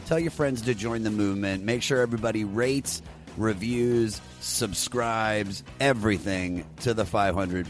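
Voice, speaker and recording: A man hosting a podcast, introducing his guest with an enthusiastic, rambling, profane story. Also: fairly low pitch. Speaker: podcast host.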